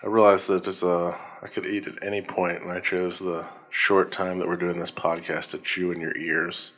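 Male co-host, lowish pitch, wry casual movie-review chat. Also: little pitch movement, normal speed, a bit bright. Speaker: podcast co-host.

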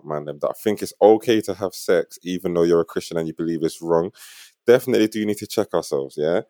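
A young man with a low, deep voice and a London roadman accent. He chats casually as a podcast host, using loose street slang. The sound is dry and close. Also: darkish tone, dry recording. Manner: slangy, informal street talk.

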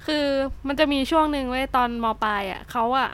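A young woman with a Thai accent, giving a casual spoken English lesson, chatty, swearing now and then, reading out word lists slowly. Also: sits high, fairly bright tone. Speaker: English tutor.

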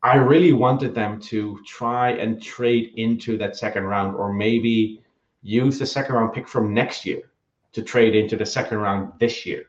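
A man's voice: lowish voice, fairly even intonation, a little slow. A man giving his opinions in a casual podcast chat, often hesitating with ums and restarting his sentences. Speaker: guest analyst. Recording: echoey, dull lo-fi remote audio.

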